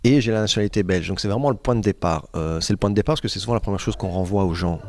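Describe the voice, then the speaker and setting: A man, an actor and playwright from a Lebanese-born family raised in Guinea, speaks in a casual interview. His low-leaning, darkish voice races along, thoughtful yet hesitant and full of fillers.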